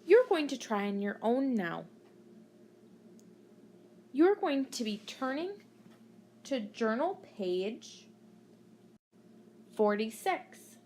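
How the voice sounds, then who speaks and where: High, very slow woman teaching children counting. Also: sing-song, a little mellow, slight background noise. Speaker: primary school maths teacher. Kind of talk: scripted lesson narration for children.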